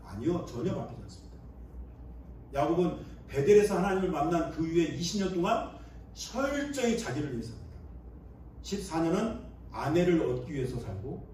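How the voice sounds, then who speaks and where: A man's voice: a little high, expressive, a little fast, warm tone, distant mic, a little hiss or hum. A male pastor delivering a sermon, preaching emphatically and asking the congregation rhetorical questions. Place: church sanctuary. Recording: echoey church sanctuary, voice from off-mic.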